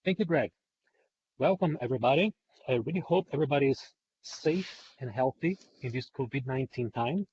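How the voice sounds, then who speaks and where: A non-native English speaker presents a training webinar, repeating and rephrasing points for emphasis. His medium-pitched voice is darkish with a breathy edge, lively in intonation and fairly quick. The online audio is dull and lo-fi.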